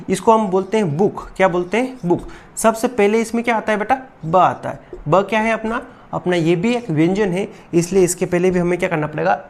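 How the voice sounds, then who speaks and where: A woman teacher giving a classroom grammar lesson. She patiently repeats each rule, keeps asking rhetorical questions, and calls her students "beta". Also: medium pitch.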